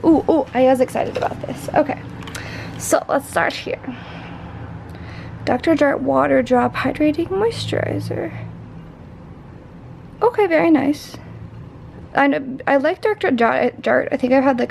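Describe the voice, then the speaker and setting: Young woman vlogging, high voice w lots of fry, chatty and rambly. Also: darkish tone, a little hiss or hum, low-quality recording. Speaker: beauty vlogger. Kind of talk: casual vlog unboxing.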